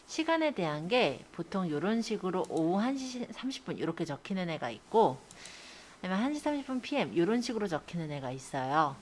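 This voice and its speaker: A computer skills instructor walks through a spreadsheet lesson step by step, explaining as she goes and often checking in with short tag questions. Her voice is lowish and brisk with big pitch swings, and there's a little hiss or hum.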